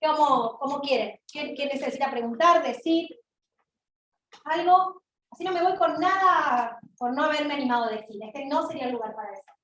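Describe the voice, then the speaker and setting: A woman lecturer with an Argentine accent, giving an animated university talk and asking her audience questions, recorded in a large lecture hall. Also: high voice, moderate pace, a little hiss or hum. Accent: Argentine Spanish. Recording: roomy hall sound, mic at a distance.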